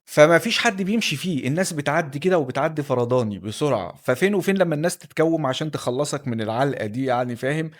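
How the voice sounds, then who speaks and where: A man's voice: fairly high pitch, lively intonation, rapid-fire. A man with an Egyptian Arabic accent telling a personal life story as a candid, conversational monologue, speaking straight to the listener.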